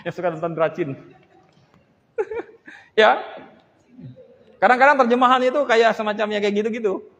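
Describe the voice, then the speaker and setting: Pastor guy preaching, pretty high voice, asks the crowd stuff and cracks jokes, big hall reverb. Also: a little slow, long pauses. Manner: animated, jokes and calls out to the congregation. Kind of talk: sermon. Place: church hall.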